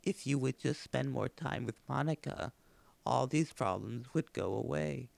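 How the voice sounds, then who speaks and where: A man voicing a glitched, obsessive girl from a visual novel in a flat robot voice. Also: medium pitch, unhurried, creaky, dry recording, voice pushed down. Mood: cold menacing.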